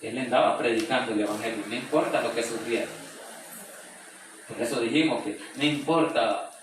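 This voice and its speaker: A male preacher leads a conversational Bible study. He reads a verse and then retells it in homely, plain speech. His voice is medium in pitch and rings around a very echoey church room, picked up from well back off the mic, with a faint hiss of noise underneath. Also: normal speed, recorded from a distance.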